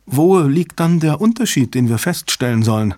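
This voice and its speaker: Male narrator as a tense young woman analyst, raised pitch, urgent questions, dry studio sound. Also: expressive, moderate pace, darkish tone, dry recording, close to an everyday voice.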